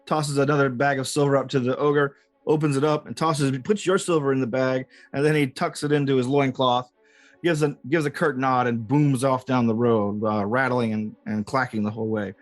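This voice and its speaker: A man improvising narration as game master, halting and jokey as he describes the scene. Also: mid-range voice, steady tone. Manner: halting, jokey, often chuckling.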